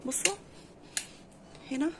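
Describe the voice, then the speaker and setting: A woman's voice: takes it slowly, background noise. A woman with an Egyptian accent, vlogging at home and exclaiming anxiously as she talks straight to her viewers. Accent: Egyptian Arabic. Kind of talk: casual vlog commentary to viewers. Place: her apartment, indoors.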